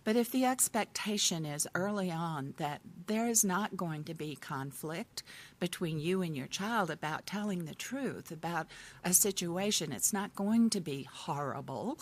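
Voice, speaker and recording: An older woman on a discussion panel, speaking as a family counselor in a candid, conversational way with thoughtful pauses. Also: lowish voice.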